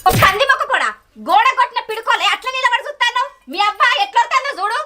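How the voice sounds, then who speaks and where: Young daughter-in-law, played by a woman: Telangana Telugu accent, rapid, high, sharp-tongued. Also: lively intonation. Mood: defiant. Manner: retorting, insulting. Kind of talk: village short-film acting. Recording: background music under dialogue. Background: film music.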